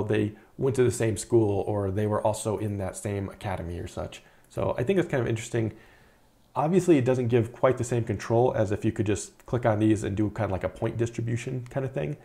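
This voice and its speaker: An indie game developer in his thirties gives a casual, relaxed project update, thinking aloud with fillers. His mid-range voice has vocal fry, and he is recorded on a lapel mic in an indoor studio room with monitors.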